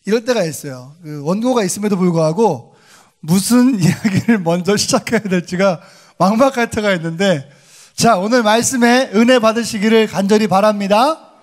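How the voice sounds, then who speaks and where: A man preaching a sermon as pastor, lively, acting out short quoted lines in between. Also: sits high, normal speed. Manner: animated, acting out quoted voices.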